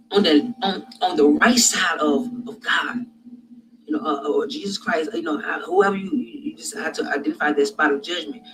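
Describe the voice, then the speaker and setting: Man recounting a dream, high voice. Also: a little hiss or hum, rough recording. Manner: halting, many restarts and fillers, grows loud and intense. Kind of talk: personal dream testimony.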